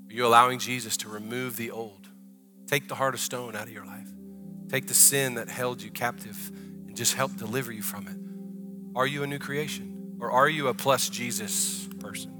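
A man from the American South with a Southern accent, preaching a conversational sermon in a church and rising to loud, drawn-out prayer. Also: medium pitch. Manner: drawn-out, emphatic phrasing in the closing prayer. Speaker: pastor. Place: church hall.

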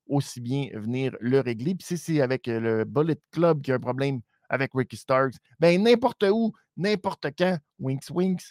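A man with a Quebec French accent recapping a wrestling show in casual live-stream commentary, animated and mock-dramatic, with frequent hesitations. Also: mid-range voice, no room sound, studio quality.

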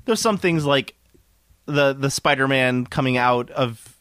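A man chats casually about movies, rambling and laughing often as he restarts his sentences. His voice sits at a middle pitch. The sound is dry and close. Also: a little slow, a bit bright, dry recording.

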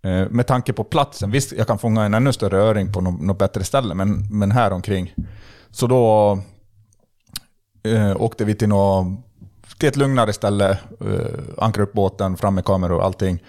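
A young man telling a story in a casual podcast chat, animated and full of fillers and restarts. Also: lowish voice. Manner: animated, acts out dialogue, lots of fillers and restarts. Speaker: podcast guest.

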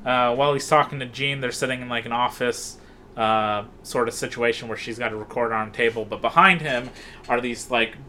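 Bright-voiced man chatting about a film. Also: mid-range voice, steady tone, fairly quick, a little hiss or hum. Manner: retells scenes step by step, acting out quoted lines. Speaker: podcast co-host. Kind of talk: casual film discussion.

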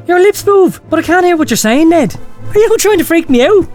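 A man's voice: very high voice, animated, a little fast, a little mellow, soft background music. A male actor playing a dozy, paranoid hippie stoner in a comic cartoon, rambling and easily confused in an Irish accent. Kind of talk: comic dialogue acting.

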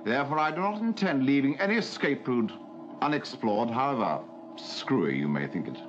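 A man's voice: mid-range voice, lively intonation, a little fast, natural voice. An actor playing a clipped, commanding male army colonel in a 1960s TV drama, precise and authoritative. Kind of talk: 1960s television drama acting. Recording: muffled archive audio with music under.

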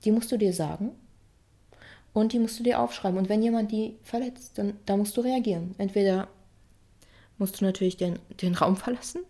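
A woman with a warm, mellow tone and a gravelly edge hosts a relaxed self-help podcast monologue. She talks conversationally, circling back to repeat her points. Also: mid-range voice. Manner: conversational, repeats phrases, acts out examples. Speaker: podcast host.

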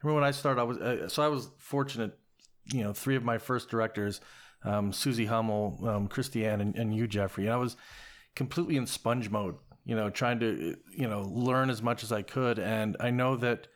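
A man with a mid-range voice, speaking in a casual podcast conversation. He sounds eager and measured as he explains how inflection shapes his lines. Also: mid-range voice, steady tone. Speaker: community theater actor.

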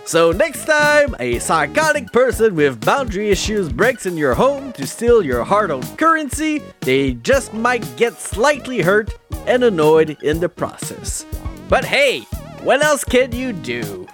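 A man's voice: sits high, very animated, a little slow, fairly bright tone, faint music behind, voice pushed up, exaggerated voice. A man voicing a manic male salesman who pushes a fantasy bargain warehouse with an over-the-top hard sell.

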